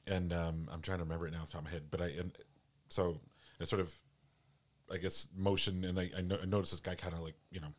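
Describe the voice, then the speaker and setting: A man telling a personal story in casual chat, halting and full of restarts. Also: low voice, little pitch movement.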